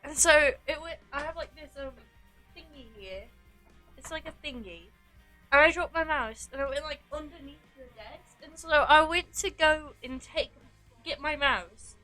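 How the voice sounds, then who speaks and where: A girlish woman livestreamer chatting casually with her viewers in a playful, bubbly, excitable way, like a gamer girl on a headset. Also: sits high, normal speed, faint music behind, rough recording. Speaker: livestreamer greeting and answering chat. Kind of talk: casual gaming livestream chat.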